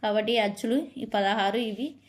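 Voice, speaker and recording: In a mid-range voice, a woman works through the alphabet for an exam preparation lesson, repeating every letter slowly and drawing it out.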